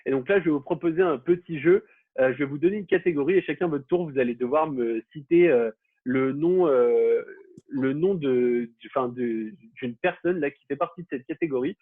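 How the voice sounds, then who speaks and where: A man's voice: mid-range voice, normal speed. Hesitant man hosting a quiz, phone-like sound. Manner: hesitant, many fillers and restarts. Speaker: quiz host. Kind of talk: casual podcast quiz hosting. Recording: phone-like, husky, dry.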